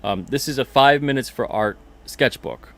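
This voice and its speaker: A man's voice: mid-range voice, moderate pace, fairly bright tone. A man hosting a casual livestream, chatting loosely, repeating himself and reading out viewer comments. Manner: chatty, rambling, repeats himself, reads chat comments aloud. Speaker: podcast host and comic publisher.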